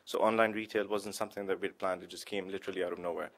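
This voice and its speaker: Lower-voiced young man, measured answers. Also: little pitch movement, a bit bright. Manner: measured, with occasional "uh". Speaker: e-boutique co-founder. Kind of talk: interview answers.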